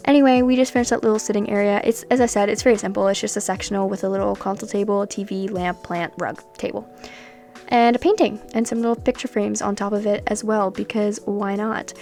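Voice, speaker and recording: A woman's voice: medium pitch, fairly even intonation, fast, creaky, a little mellow. A young woman chatting casually over gameplay, rambling and self-deprecating, with frequent laughs. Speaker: sims builder and video creator.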